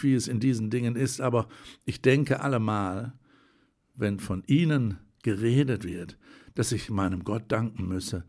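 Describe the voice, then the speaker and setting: A man reading aloud as a calm, reflective old gentleman, speaking in a measured, thoughtful way. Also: mid-range voice, lightly acted. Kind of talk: audiobook character voice.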